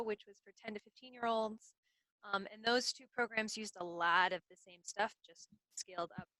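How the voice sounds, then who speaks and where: A woman's voice: fairly high pitch, pushed and bright, no echo, poor audio. A woman librarian speaking as a guest on a video call, chatty and modest. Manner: modest, chatty, laughs easily. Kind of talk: casual video call talk.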